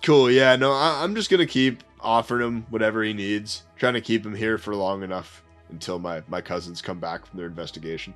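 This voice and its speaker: A man playing a character in a tabletop game, talking through his moves with halting restarts. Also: fairly low pitch, fairly bright tone, soft background music. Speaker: player. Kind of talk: tabletop role-play chat.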